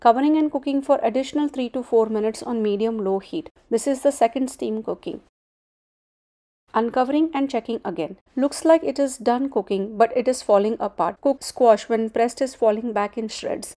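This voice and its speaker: A woman giving calm, steady step-by-step voice-over narration for her home cooking vlog. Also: fairly high pitch, moderate pace. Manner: calm, steady instructional delivery. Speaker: cooking vlogger.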